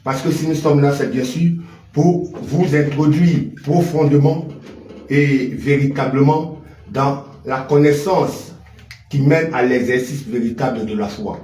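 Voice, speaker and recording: Male radio host, slow and formal, echoey studio, faint hiss. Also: mid-range voice, dark tone. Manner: formal, measured. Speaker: radio presenter. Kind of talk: introducing a radio broadcast.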